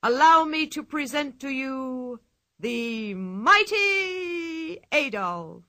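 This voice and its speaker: A woman voicing a pompous, blustering male ringmaster who announces in a grand, drawn-out showman's style. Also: sits high, lively intonation, pushed and bright, pitched above the performer's own voice, heavily acted. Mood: grandiose.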